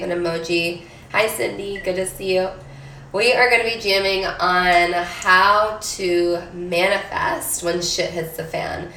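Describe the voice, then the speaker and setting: Woman coach going live, stuffy nasal voice from a cold, lowish tone, chatty, sounds kinda far off in an echoey room. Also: a bit bright, slight background noise. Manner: upbeat, chatty, swears casually. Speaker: manifestation coach. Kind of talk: casual live stream talk.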